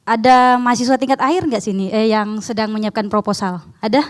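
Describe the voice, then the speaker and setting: Speaking Indonesian with a foreign accent, a young woman from outside Indonesia gives an informal research presentation and keeps asking her audience questions. Her voice is smooth, on the high side, and a little fast. Indonesian is not her first language.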